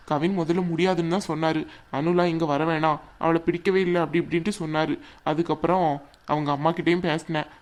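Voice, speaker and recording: In a deep, lightly acted voice, a woman plays a cartoon's young husband stuck between his mother and his wife, speaking in a coaxing, placating manner.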